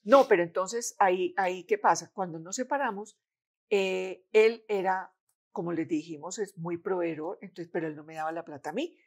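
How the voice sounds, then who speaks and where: A woman's voice: fairly low pitch, moderate pace. An older woman with a Colombian accent, a guest in a conversation, telling a personal family story and acting out the voices of the people in it. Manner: animated, acts out the voices of people in her story. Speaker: interview guest, mother of the host.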